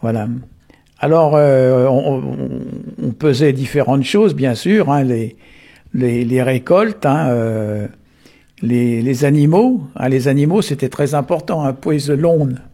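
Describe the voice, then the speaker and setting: A man, unhurried and full of tag words, explaining the origins of words. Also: mid-range voice, vocal fry, warm tone. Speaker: Breton language explainer. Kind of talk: explanatory talk on word origins.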